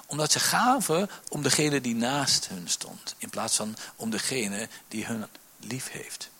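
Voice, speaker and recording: Male pastor, lively husky sermon voice, bursts loud then drops to asides. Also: medium pitch, measured pace. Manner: animated preaching, swinging between loud calls and quiet asides. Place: church hall.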